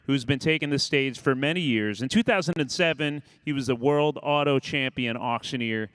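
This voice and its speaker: A man's voice: medium pitch, normal speed, a bit bright, clean tone, dry recording. A man hosting a casual broadcast interview. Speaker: interview host.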